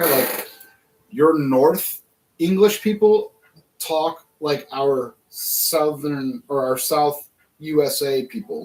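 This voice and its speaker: A man's voice: medium pitch, a little hiss or hum, low-quality recording. An American man hosting a livestream, chatting casually and rambling through rhetorical questions while he builds. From United States. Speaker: livestream host building toy bricks.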